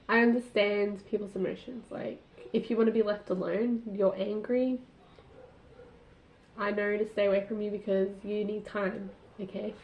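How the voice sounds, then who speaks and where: A woman hosting a casual solo podcast, chatting with lots of "like" fillers and laughing at herself, recorded on a tablet's built-in mic. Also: mid-range voice. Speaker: podcast host. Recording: roomy, dull tablet recording.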